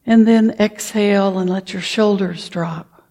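Slow, husky-voiced woman guiding meditation. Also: mid-range voice. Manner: slow, soft-spoken and calm, with frequent throat clearing. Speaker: meditation teacher. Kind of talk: guided meditation.

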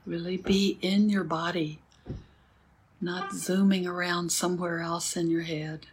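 A woman leading a guided meditation as a teacher, speaking calmly and gently with unhurried pauses. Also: on the low side, slightly rough.

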